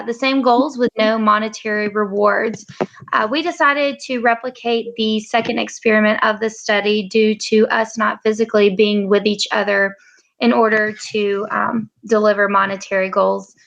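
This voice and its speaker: An American graduate student in her 20s presents a research study for a class, reading from notes and pausing often for fillers and short breaks. Her voice is a little high and a bit bright with a gravelly edge and little pitch movement, and the sound is lo-fi.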